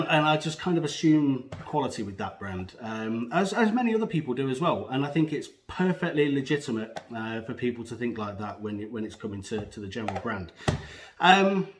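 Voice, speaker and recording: A man giving a casual, unscripted product review in a hesitant, rambling way, talking with a pouch tucked under his lip. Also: mid-range voice. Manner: hesitant, rambling, self-correcting. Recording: echoey room.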